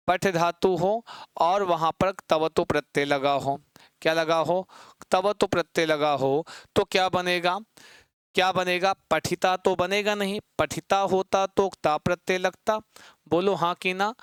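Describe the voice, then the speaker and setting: A man's voice: high-pitched, a bit bright, smooth, dry recording. Man teaching, chanting word forms. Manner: repeats points and quizzes students with rhetorical questions. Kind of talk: exam-prep lesson.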